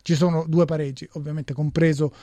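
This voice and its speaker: A man's voice: on the high side, flat delivery, a little fast, dark tone, no room sound. A man presenting a football round-up, going through results and match reports as a studio presenter. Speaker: sports radio presenter.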